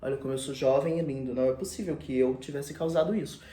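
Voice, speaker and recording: A man's voice: medium pitch, quick pace, dark tone, natural voice. A man voicing a vain young dandy who brushes everything off in a sassy, flippant way. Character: vain breezy young man, campy and dismissive. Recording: roomy echo.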